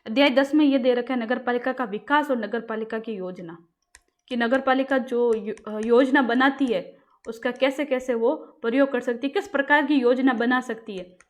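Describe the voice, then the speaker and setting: A woman's voice: fairly high pitch, normal speed. A woman teaching exam-prep material in a casual lecture. She quizzes her listeners and answers herself. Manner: repeats questions to the class and answers them herself.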